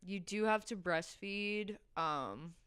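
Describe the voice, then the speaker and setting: A woman's voice: mid-range voice, smooth. A woman co-hosting a podcast, chatting casually and telling a story about her performance class, laughing often. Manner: animated, laughs often, quick joking. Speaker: podcast co-host; adjunct professor of performance. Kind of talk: casual chat.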